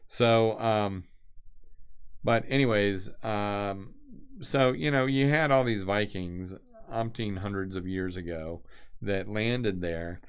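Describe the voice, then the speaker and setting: A man's voice: on the low side, slow, clean tone. A man chatting casually while he doodles, meandering from thought to thought with lots of fillers and restarts. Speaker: designer doodling on camera. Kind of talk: casual rambling chat.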